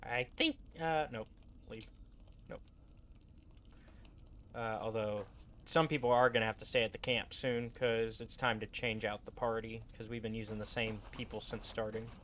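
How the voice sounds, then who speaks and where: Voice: mid-range voice, steady tone, normal speed, a bit bright, a little hiss or hum. A game player giving casual, rambling commentary and recapping the story informally. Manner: rambling, acts out quotes informally.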